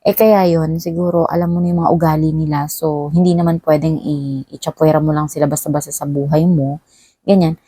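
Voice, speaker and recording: A woman's voice: low-pitched, level tone, brisk, warm tone, no echo. A woman from the Philippines giving a tarot reading straight to the viewer, chatty and full of tag questions. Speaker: tarot reader.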